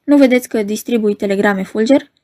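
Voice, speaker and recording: A woman's voice: mid-range voice, warm tone, lightly acted. Woman doing a curt impatient courier lady, scolding tone, audiobook figure, raised voice. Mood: annoyed. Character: brusque female telegram courier, impatient.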